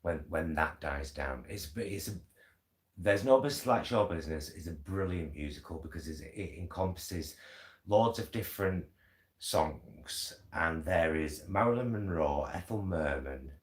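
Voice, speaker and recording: A British man with a deep voice vlogs casually from indoors at home, speaking a little slowly but animatedly. His chat rambles and hesitates, and the room sounds echoey.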